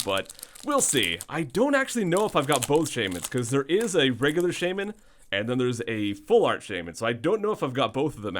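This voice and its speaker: A man's voice: medium pitch, fairly bright tone, slight background noise. A man with a thin, weak voice giving casual unboxing commentary as the host of a video. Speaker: host of card pack opening videos.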